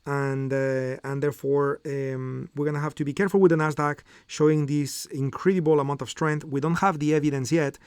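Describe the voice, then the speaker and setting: A man's voice: fairly high pitch, fairly even intonation, a little fast, few pauses, darkish tone, clear, resonant tone, no room sound, studio quality. A middle-aged man hosting a live trading lesson, explaining step by step with frequent fillers and "okay?" check-ins. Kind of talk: live market commentary and teaching.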